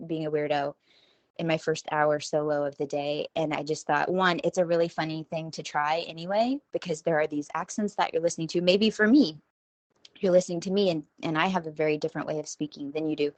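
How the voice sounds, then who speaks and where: A woman's voice: low-pitched, steady tone, fairly quick, dry recording. A woman in her forties from Texas, hosting a rambling, self-deprecating solo talk from her home kitchen. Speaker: podcast host. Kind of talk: casual solo monologue.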